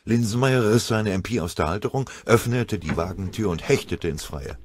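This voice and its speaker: A man with a very deep, low voice narrates a war audiobook. His reading is steady and dramatic. Faint gunfire sound effects play in the background. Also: moderate pace, noisy background. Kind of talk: scripted narration.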